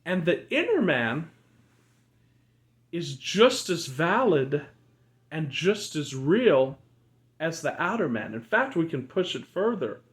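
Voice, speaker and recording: A man teaching breathwork and spirituality as a channel host, speaking in a slow, deliberate guru manner with pauses between short phrases. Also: fairly high pitch, big pitch swings. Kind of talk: guided breathwork and spiritual talk.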